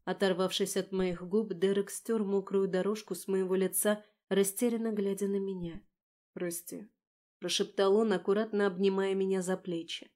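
A woman reading a fantasy novel aloud in an even storytelling manner. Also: medium pitch, moderate pace, hardly any pauses. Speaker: audiobook narrator. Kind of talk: scripted narration.

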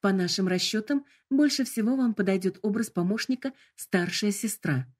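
A woman's voice: medium pitch, normal speed, darkish tone, voice pushed up, natural voice. A woman voicing a sickly sweet, politely formal female hologram assistant. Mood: sugary.

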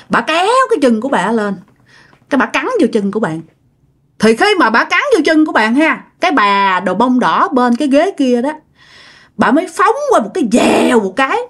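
A woman's voice: high-pitched, fairly bright tone. A woman with a Southern Vietnamese accent telling a ghost story vividly and dramatically, speaking straight to her listeners.

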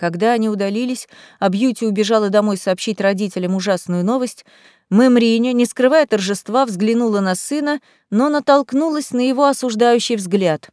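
A woman reading a storybook aloud in a lively, expressive way. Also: a little high, moderate pace, no room sound, clean studio sound. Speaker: audiobook reader. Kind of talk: storybook narration.

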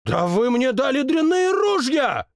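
A man voicing a petulant, boastful young king who whines and barks orders in a shrill voice. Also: very animated, normal speed, no room sound, clean studio sound. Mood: furious. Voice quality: shrill, whiny, bossy. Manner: shouts orders and sulks capriciously. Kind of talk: audiobook character voice.

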